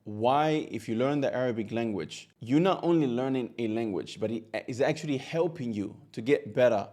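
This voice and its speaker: A Catalan-speaking man who teaches Arabic addresses the camera in an earnest, direct talk, occasionally repeating a word along the way. His voice is medium-pitched and somewhat dark, and he speaks at a moderate pace.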